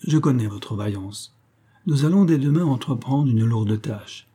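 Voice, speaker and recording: A man voicing a calm, fatherly castaway leader who speaks in a measured, earnest and kindly way, in an audiobook. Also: on the low side, slightly rough.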